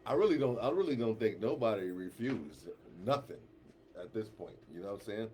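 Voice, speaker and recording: A man co-hosting a casual radio talk show, animated and slangy, laughing often and repeating himself. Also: lowish voice, fairly quick, a little hiss or hum.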